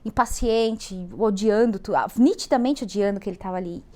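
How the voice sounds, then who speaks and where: A woman's voice: medium pitch, moderate pace, mellow. A woman with a Brazilian Portuguese accent, an interview guest animatedly telling a travel anecdote with laughter. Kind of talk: storytelling anecdote.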